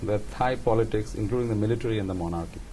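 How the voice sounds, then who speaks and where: A man's voice: on the low side, racing, warm tone, poor audio. A man working as an interviewer, putting formal political questions to a guest. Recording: faint background noise.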